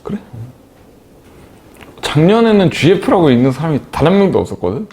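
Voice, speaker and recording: A man's voice: fairly high pitch, sing-song, brisk, mellow. A man teaching a math class, chatting with students and teasing them by name between explanations. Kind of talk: classroom lecture with banter.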